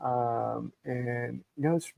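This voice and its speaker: A man's voice: mid-range voice, steady tone, slow pace, gravelly, dry recording, lo-fi sound. A man co-hosting a local morning talk show, chatting easily and saying "y'all" and "um" a lot. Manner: easygoing, chatty, says y'all and um often. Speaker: co-host. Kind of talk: casual chat.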